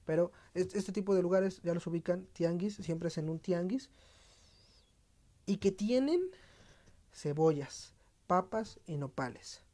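A man's voice: high voice, measured pace, pauses often, warm tone. A man with a central Mexican accent hosting a podcast as a casual monologue, slangy and profane, with playful mock-dramatic outbursts. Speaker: podcast host.

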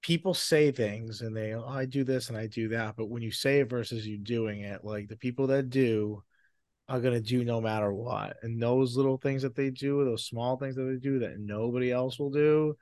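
A podcast host with a Boston accent, talking in casual, enthusiastic bursts. He is a man with an average pitch, recorded close with a dry sound. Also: darkish tone, no room sound. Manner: enthusiastic, quick to praise, laughs often.

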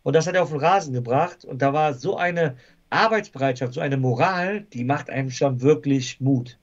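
A man's voice: mid-range voice, normal speed, muffled recording. A man talking football casually as a guest fan, thoughtful and hesitant with frequent fillers.

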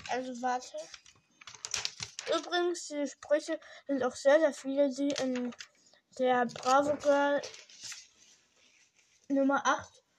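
A woman's voice: sits high, steady tone, slow, long pauses, background noise. Young teen girl podcaster talking with braces in. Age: young teenager. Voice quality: slightly slurred speech from wearing braces. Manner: rambling, slangy, self-correcting. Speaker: podcast host. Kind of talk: casual podcast monologue.

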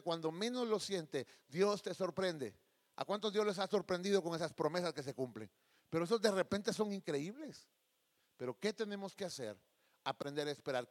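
A man preaching a sermon, telling a personal story and acting out the people in it. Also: sits high. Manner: emotive, addresses listeners as beloved brother, acts out quoted voices.

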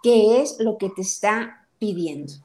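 Woman, parenting advisor, direct myth-busting delivery, mid-pitched. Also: lively intonation, measured pace, mellow. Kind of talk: informative conversation.

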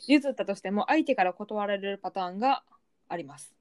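A woman's voice: medium pitch, animated, a little fast, a little mellow, no room sound, studio quality. A woman with a Kansai accent co-hosting a podcast, chatting casually and reading out listener mail. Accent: Kansai Japanese. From Kansai, Japan. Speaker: podcast co-host.

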